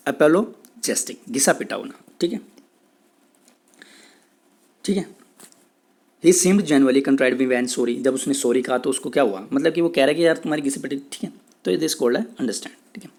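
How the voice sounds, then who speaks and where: A man with an Indian English accent teaching exam vocabulary in a Hindi-English lecture, repeating himself often and saying English definitions slowly. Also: a little high, darkish tone, slightly rough. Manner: repetitive, checks in with "theek hai", says English definitions slowly.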